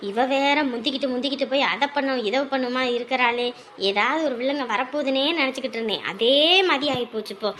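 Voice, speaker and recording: A woman's voice: sits high, fast, a bit bright, slight background noise. An actress playing a suspicious widowed mother who scolds her sister-in-law in a family drama. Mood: accusing. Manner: scolding, accusing.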